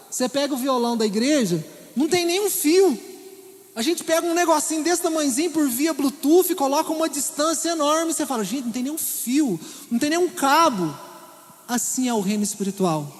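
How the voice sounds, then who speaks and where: A man's voice: extremely high pitch, lively intonation, fast. A Brazilian man from Minas Gerais preaching a sermon as pastor, in a chatty style that keeps checking in with his listeners. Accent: Brazilian Portuguese, Minas Gerais. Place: church hall. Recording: echoey church hall.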